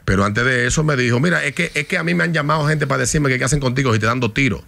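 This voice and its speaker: A man from the Dominican Republic, speaking with a Dominican Spanish accent, is a guest on a podcast, telling a heated story full of swearing in a casual chat. His medium-pitched voice is gravelly and sharp, and he talks at a racing speed into a studio mic on a stand.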